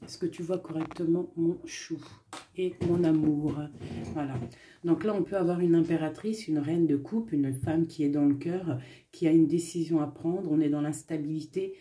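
Her voice deep and mellow, a woman reads tarot cards at an indoor table for the camera, speaking at a moderate pace with a steady tone. She's chatty, uses many fillers, and tosses affectionate remarks to her audience.

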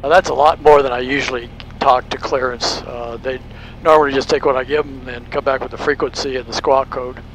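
Briskly and in a mid-range voice, a private pilot and video host explains his flying casually and handles radio calls from a small cockpit. The recording is low quality, with aircraft engine noise steady in the background.

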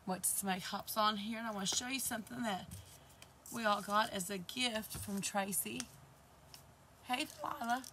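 This craft channel host, a woman in her fifties with a hoarse, mid-range voice, chats at a moderate pace that sounds pushed and bright. She greets viewers while her hands work through a live craft project. A camera across the table picks her up in an indoor craft room lined with shelves, with slight background noise.

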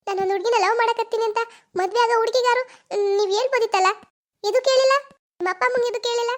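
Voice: fairly even intonation, very fast. A voice actor playing a betrayed young village woman with a North Karnataka Kannada accent in a cartoon, sobbing and pleading. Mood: sobbing accusation. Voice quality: very high, sobbing pleas. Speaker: lover. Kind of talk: cartoon voice acting.

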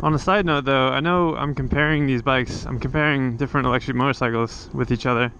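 This motovlogger speaks fast, his mid-range voice steady in tone yet pushed and bright. Captured by a helmet camera as he rides a coastal road, his casual monologue wanders with frequent restarts and fillers. Sound quality is poor, with a bit of hiss or hum.

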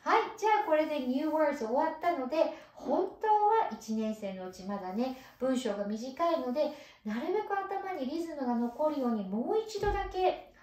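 A woman's voice: high-pitched, a little mellow. A woman teaching English, patiently explaining pronunciation and demonstrating each sound aloud for her students. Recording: echoey room, distant mic.

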